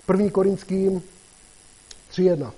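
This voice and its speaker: A man delivers an informal sermon in a slightly high voice with a dark, mellow tone. He talks conversationally and keeps checking in with his listeners. When he reads scripture, his voice rises and grows louder. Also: husky, low-quality recording. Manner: conversational, constantly asks "jo?" and "že jo?"; rises in pitch and loudness when reading scripture. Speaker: preacher. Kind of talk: casual sermon.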